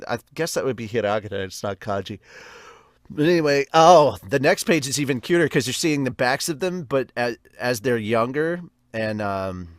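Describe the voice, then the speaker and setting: A podcast host gives a casual live reaction and review, rambling on with enthusiastic fan talk. His mid-range voice comes through in clean studio quality with no echo.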